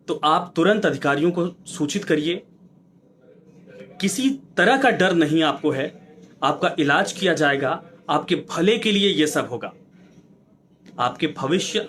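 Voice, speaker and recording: Male anchor, higher-pitched, preachy and exhorting; impassioned on-air commentary full of rhetorical questions. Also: unhurried, a bit bright. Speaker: news anchor.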